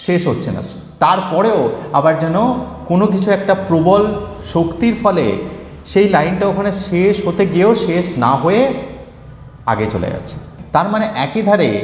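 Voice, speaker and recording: A man's voice: high voice, darkish tone. A man teaching English poetry, explaining a poem line by line and mixing English terms into his talk. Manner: reads poem lines slowly and deliberately. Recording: echoey room with long reverb.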